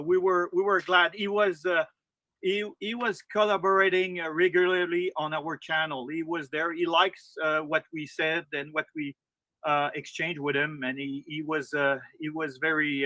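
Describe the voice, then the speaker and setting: A man with a Quebec French accent, a native French speaker, hosting an interview and searching haltingly for words when in English. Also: fairly high pitch, pushed and bright, dry recording, poor audio. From Quebec, Canada. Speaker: interviewer, channel host.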